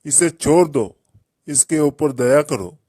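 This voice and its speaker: A man voicing a kind, gentle king in a storybook tale, speaking softly and pleadingly. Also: fairly high pitch, lively intonation, slow pace, no echo, clean studio sound. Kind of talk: storybook voice acting.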